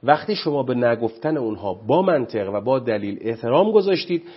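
A man's voice: medium pitch, very animated, slightly rough, dull audio. A man speaking as a guest on parenting, preachy and impassioned, often quoting scripture. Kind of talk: animated studio talk.

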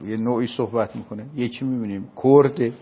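A man from Isfahan with an Isfahani accent, explaining a religious topic step by step and often asking whether it is clear. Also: mid-range voice, fairly even intonation, lo-fi sound. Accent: Isfahani Persian. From Isfahan, Iran. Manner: patient, explaining step by step with checking questions. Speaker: religious scholar. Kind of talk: explanatory lecture in conversation.

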